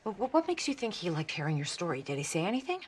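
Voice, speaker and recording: An actress playing a weary, jealous middle-aged woman who stammers nervously and swings from hushed to agitated. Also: on the low side, very animated, very fast, a little hiss or hum. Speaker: actor in a film scene. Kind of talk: naturalistic film acting.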